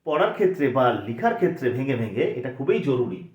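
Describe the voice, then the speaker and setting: In a mid-range, sing-song voice that is brisk and a little mellow, a man prepares students for an exam with a grammar lesson. Step-by-step explanations alternate with questions he answers himself, captured in dull, echoey lo-fi audio.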